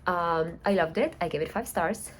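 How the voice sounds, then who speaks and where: A young woman chatting casually in a book vlog at home, thinking aloud and rambling with soft laughs. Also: lowish voice, moderate pace, a little hiss or hum. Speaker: book vlogger. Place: at home at night.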